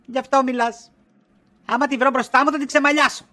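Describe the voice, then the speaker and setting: A woman's voice: high-pitched, fairly even intonation, sharp tone. A woman playing a middle-aged wife in a comedy sketch, insistent and accusing as she nags her husband. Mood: jealous.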